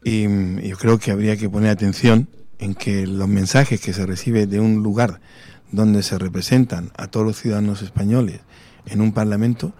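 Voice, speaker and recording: A man with a Spanish accent hosting a radio talk show, measured and earnest. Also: fairly low pitch, steady tone, dark tone. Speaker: radio host. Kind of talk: radio conversation.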